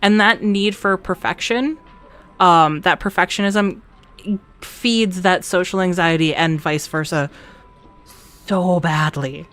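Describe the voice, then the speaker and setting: A woman's voice: lowish voice, slow pace, a bit bright. A woman casually chatting and musing aloud as she plays a game, rambling with frequent restarts. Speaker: let's play streamer. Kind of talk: casual gameplay commentary.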